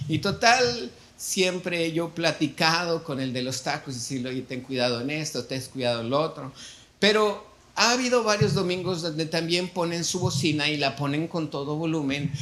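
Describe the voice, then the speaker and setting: A man with a Mexican Spanish accent, a pastor telling an animated story in a sermon and acting out the dialogue. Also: a little high, moderate pace. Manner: storytelling, animated, acts out dialogue with shifting volume.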